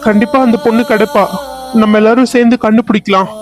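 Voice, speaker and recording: A determined young man in a cartoon, played by a man in a very high voice, pressing with questions. Music sits clearly behind him. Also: level tone, fast talker, lightly acted. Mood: consoling. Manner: pressing, then consoling. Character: firm young man leading a search. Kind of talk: cartoon serial voice acting.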